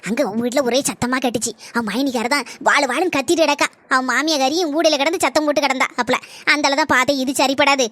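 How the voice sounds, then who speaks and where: A woman's voice: high voice, fairly even intonation, fast, fairly bright tone, no echo, pitched below the performer's own voice. A woman with a Kanyakumari Tamil accent voicing a chatty, gossiping village grandmother in a cartoon, in a chattering, scolding manner.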